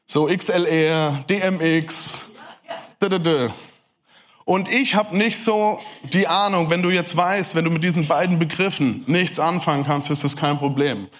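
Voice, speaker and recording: German guy preaching, high voice, talks fast and right at the crowd. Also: a bit bright. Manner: fast-talking, addresses the audience directly. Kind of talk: lively sermon talk to a crowd.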